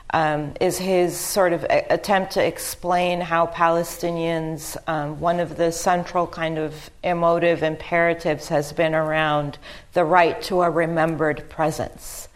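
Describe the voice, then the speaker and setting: A woman from Lebanon speaks on a discussion panel in a notably low voice. She talks thoughtfully and haltingly, stopping to restart her sentences and filling pauses with ums. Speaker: panel speaker, history professor.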